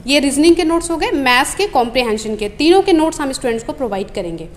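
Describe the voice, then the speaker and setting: A woman's voice: high-pitched, very animated, quick pace. A woman from a coaching institute walking through study notes one booklet at a time, repeating phrases with frequent hesitations. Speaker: coaching institute staff member. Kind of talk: explaining and listing study material.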